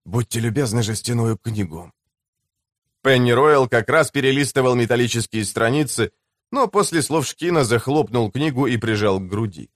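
A male audiobook narrator tells the story in a steady, even manner. His pitch sits in an ordinary middle range. The recording is dry with no room sound. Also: moderate pace, dry recording. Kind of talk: scripted narration.

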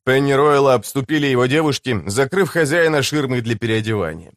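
A male audiobook narrator tells the story in a steady, even manner. His pitch sits in an ordinary middle range. The recording is dry with no room sound. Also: fairly quick, no echo. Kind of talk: scripted narration.

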